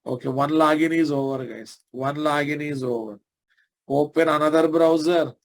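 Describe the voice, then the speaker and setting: A man with a Telugu Indian accent gives an informal live programming lesson as the instructor. His voice is a little high with fairly even intonation, and he keeps a moderate pace. He often speaks to his listeners directly and asks them checking questions.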